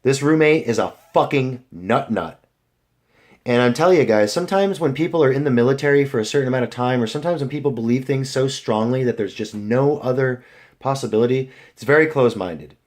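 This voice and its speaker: This young man talks at a brisk clip in a medium-pitched voice. As a vlogger chatting casually to viewers, he wanders from point to point, restarting sentences and using lots of fillers.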